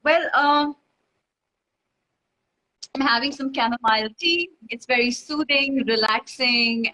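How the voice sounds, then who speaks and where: Bubbly, high-voiced woman chatting freely. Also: sharp tone, low-quality recording. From Dubai. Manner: rambling, bubbly, many fillers and self-corrections. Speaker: guest. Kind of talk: casual chat.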